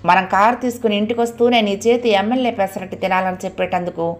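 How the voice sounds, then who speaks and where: A man's voice: sits high, steady tone, fast, lightly acted. A woman reading the lines of a cheerful young husband who teases his friends. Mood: teasing. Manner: teasing, lighthearted.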